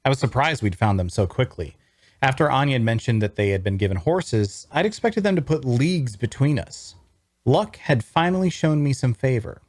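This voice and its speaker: In the role of a wry young traveler, a voice actor recounts a fantasy journey in first person, his table-read narration dramatic and measured. He has a medium-pitched voice, captured at studio quality with no echo.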